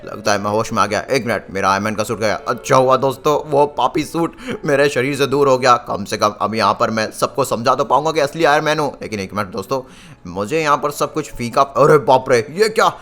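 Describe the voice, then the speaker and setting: Panicky, bright-voiced young man. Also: mid-range voice, fairly quick. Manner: dramatic, panicky exclamations. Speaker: gaming video voice actor. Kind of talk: voiced game story in Hindi.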